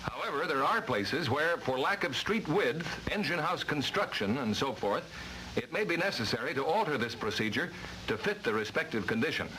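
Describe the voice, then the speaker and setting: A noisy vintage film soundtrack carries an American man narrating in 1950s instructional style. His voice is bright and forceful, with lively, swinging intonation. He reads formally and emphatically, like a scripted training lesson. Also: fairly high pitch, normal speed.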